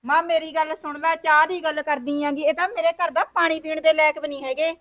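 A woman's voice: high-pitched, steady tone, fairly quick, a bit bright. A young woman playing a proud, sulking married daughter who speaks sharply and bitterly to her visiting brother. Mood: angry.

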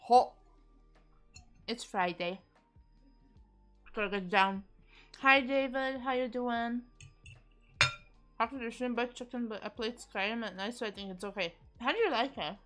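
A woman's voice: fairly high pitch, moderate pace, long pauses, a bit bright. A young woman streamer chatting casually with her viewers while eating, reading and answering chat with frequent giggles. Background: faint background music.

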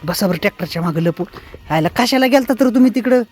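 A man acting in a village comedy skit, urging and hushing the children around him with bossy commands. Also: high voice, animated, fast. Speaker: adult leading children in a skit. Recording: loud music behind the voice.

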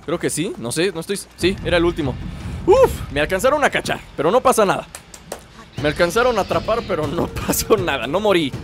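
An excitable young man with a Mexican accent narrates his gameplay in a high, lively voice that jumps up and down. He chatters to his companion as he plays. Game music runs steadily behind him. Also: brisk. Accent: Mexican Spanish. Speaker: gameplay channel host. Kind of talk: let's play commentary.

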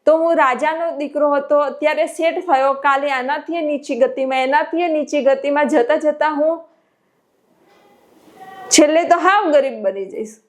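A wealthy merchant begs for a way out, piling up lists of what he has lost. He sounds pleading and remorseful, as a woman narrator takes him on in a noticeably higher voice. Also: normal speed, natural voice.

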